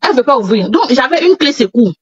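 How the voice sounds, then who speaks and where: A woman's voice: sits high, very animated, fast talker, slightly rough, no room sound, lo-fi sound. A woman, calling in and telling a personal story, agitated, out of breath and repeating herself. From Africa. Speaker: caller.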